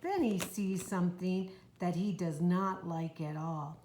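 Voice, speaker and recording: A woman reading a children's picture book aloud in a slow, even, clear storytelling manner. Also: fairly low pitch. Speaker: storybook reader. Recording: roomy echo, faint noise.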